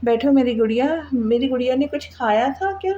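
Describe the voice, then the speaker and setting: A woman voicing a gentle father in a read-aloud novel, coaxing and soothing. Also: sits high, animated, a little fast, highs cut off. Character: older father, soothing and tender.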